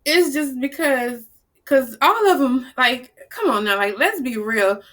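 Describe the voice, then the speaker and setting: Animated New woman telling stories. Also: high-pitched, measured pace. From New Orleans, US South. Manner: animated storyteller, acts out quoted people, blunt and salty. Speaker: vlogger. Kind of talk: casual chat to camera.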